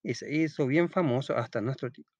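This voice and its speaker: Speaking a little fast in a medium-pitched, slightly mellow voice, a Salvadoran-accented man leads an informal lesson, reading aloud, explaining chattily and answering his own questions. The audio has no echo and its highs are cut off.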